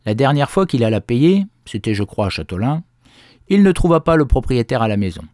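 Male storyteller, measured folk-tale narration, mid pitch, dry. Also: very animated, a little mellow, dry recording.

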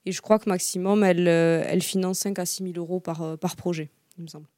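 As the guest founder of a zero-waste tart shop, a woman talks fast in a fairly low, steady, mellow voice. She answers the interview questions about starting her small food business casually and hesitantly, full of fillers and restarts, in studio-quality audio with no room sound.

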